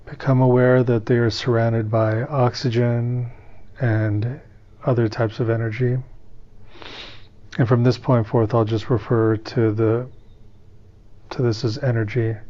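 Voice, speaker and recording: With a mid-range voice, a male meditation teacher leads a guided session, calm and soothing, never hurrying. Long pauses separate his instructions, and the audio is muffled.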